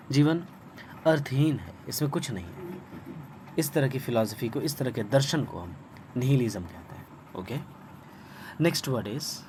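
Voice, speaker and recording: A man's voice: medium pitch, a little mellow, a little hiss or hum. A man with an Indian accent teaching English vocabulary in an online lesson, spelling words letter by letter and repeating pronunciations patiently. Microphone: phone screen recording.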